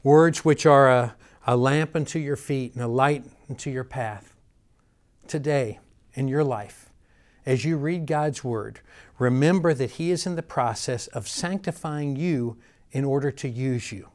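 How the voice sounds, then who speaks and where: A man's voice: medium pitch, unhurried, a little mellow. Guy preaching a sermon, earnest, leans hard on his lists. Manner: earnest, building emphasis in lists.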